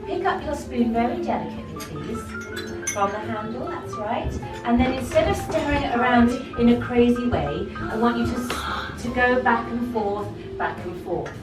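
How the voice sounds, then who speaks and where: Female etiquette instructor, prim and gently encouraging, recorded at a distance with loud music and clinking china. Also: fairly high pitch, moderate pace. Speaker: etiquette teacher. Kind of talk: instructional talk to a young group. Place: echoey indoor tea room with clinking china. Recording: echoey room, distant mic, loud music, clinking dishes.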